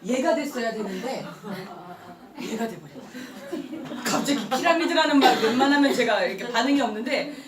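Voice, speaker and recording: Animated high-voiced woman telling stories. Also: moderate pace, crowd noise. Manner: animated storytelling, laughing often. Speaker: network marketing speaker. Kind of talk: motivational seminar talk. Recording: echoey room, heard from a distance.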